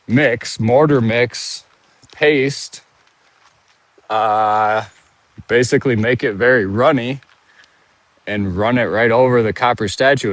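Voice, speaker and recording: A man's voice: medium pitch, fairly bright tone, no echo. A man out of breath from walking, rambling and thinking aloud with restarts while he live-streams outdoors and reads viewer comments. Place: outdoors, walking around a monument.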